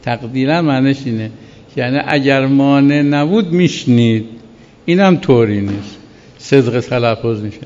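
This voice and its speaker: A man teaching Islamic law in a class, reading a legal text slowly and then explaining it with many repetitions. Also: mid-range voice, darkish tone, big-room sound, dull audio. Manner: reads Arabic text slowly, then explains by repeating himself.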